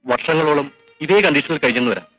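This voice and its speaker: An actor playing a calm hospital doctor in a 1980s film drama, speaking in a measured, formal way and mixing in English phrases. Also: male voice, on the high side, natural voice. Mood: grave. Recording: dull 1980s film soundtrack with faint music.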